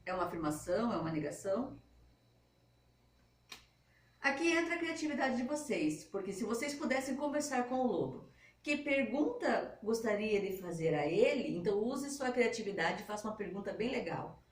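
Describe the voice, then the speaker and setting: A woman's voice: medium pitch, big pitch swings, normal speed. A woman teacher giving a patient, step-by-step lesson to schoolchildren. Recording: echoey room, mic at a distance.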